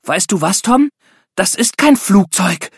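A man's voice: sits high, lively intonation, a little slow, husky, no room sound, studio quality, voice pushed up, heavily acted. A man voicing an adventurous eleven-year-old girl in a children's audiobook, with eager exclamations. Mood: excited.

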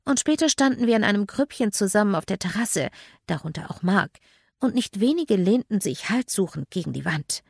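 A woman reading a first-person audiobook in a lively, expressive storytelling manner. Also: medium pitch, moderate pace, creaky, breathy edge, dry recording, studio quality. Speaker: audiobook narrator.

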